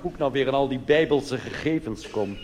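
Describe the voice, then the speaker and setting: Speaking a little fast in a mid-range voice, a man with a Netherlands Dutch accent performs a comic cabaret monologue live in a theatre. His style is conversational, full of colloquial asides, and the live recording is noisy with a reverberant hall.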